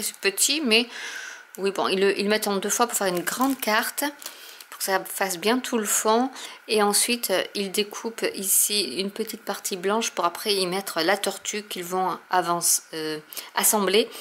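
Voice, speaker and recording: A woman's voice: mid-range voice, fairly bright tone, a little hiss or hum. A woman hosting a crafting channel, chatting casually with many fillers as she shows and explains products. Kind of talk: casual unboxing chat.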